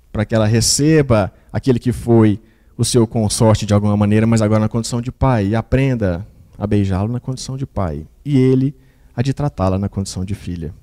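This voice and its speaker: A man voicing an older wife who speaks softly and forgivingly, in a mellow tone. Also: lowish voice, close to an everyday voice.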